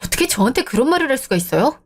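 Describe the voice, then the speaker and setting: A young woman narrating and acting the lead in a scripted radio drama. Her voice sits fairly high, and her replies come out cold and cutting. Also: very animated, racing.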